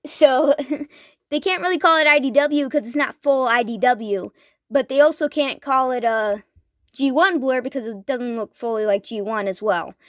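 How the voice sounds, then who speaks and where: A woman's voice: sits high, moderate pace, dry recording, studio quality. A woman in her thirties giving a casual toy review, eager and rambling, with lots of fillers and restarts. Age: 30s.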